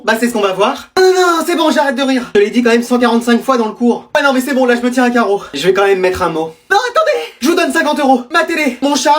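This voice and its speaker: A young man performing comic school skits alone, switching between a whiny pupil and stern adults. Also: extremely high pitch. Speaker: sketch comedian playing all parts. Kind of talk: comic skit acting.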